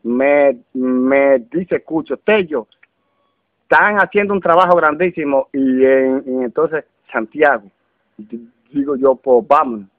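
A man with a Dominican accent telling a comic story casually, halting and repeating words as he goes. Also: medium pitch, no echo, phone-quality sound. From Dominican Republic.

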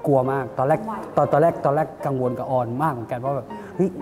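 Guy director rambling animated stories, long reverb, soft music behind. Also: mid-range voice, fast. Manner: animated storytelling, acts out quotes. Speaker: series director. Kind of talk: casual interview chat. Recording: reverberant studio with background music.

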